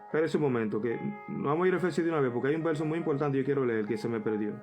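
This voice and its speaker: A man's voice: mid-range voice, rapid-fire, music in the background. A man preaching a Bible study, reading verses aloud and repeating them for emphasis while calling the listeners brother.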